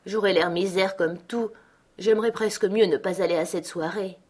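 A woman's voice: medium pitch, fairly even intonation, moderate pace, a little mellow, husky, natural voice. A woman voicing a vain young wife who pleads plaintively for finery.

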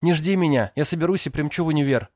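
A man's voice: a little high, fast, a little mellow, dry recording, clean studio sound, pitched above the performer's own voice, close to an everyday voice. A man voicing a flustered, bossy young woman student who hisses orders and pleads. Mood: pleading. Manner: hissing, indignant, pleading.

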